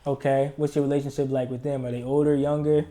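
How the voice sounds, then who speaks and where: A man's voice: mid-range voice, flat delivery, quick pace, warm tone. A man hosting a casual interview in a recording studio, asking easygoing, loose questions. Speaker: interview host.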